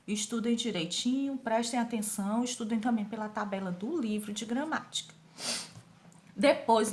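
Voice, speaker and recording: Brazilian woman teaching, drawn-out emphasis. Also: on the high side. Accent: Brazilian Portuguese. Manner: slow, drawn-out emphasis on key words, quizzing students. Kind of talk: grammar review lesson for sixth graders.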